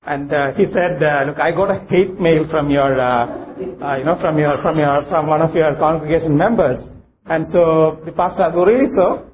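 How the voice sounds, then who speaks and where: A man with a South Indian English accent preaching a sermon in church, speaking haltingly and repeating phrases for emphasis, on a muffled, noisy live recording. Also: fairly high pitch. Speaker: guest preacher. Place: church service.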